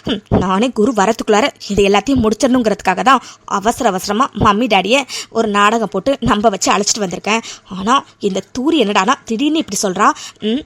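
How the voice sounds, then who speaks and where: A scheming young woman in a cartoon, sly and smug, murmuring asides about her own deceit, as a woman plays her. Her voice sits at an everyday pitch in a dry, close recording. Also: brisk, fairly bright tone, no room sound, lightly acted.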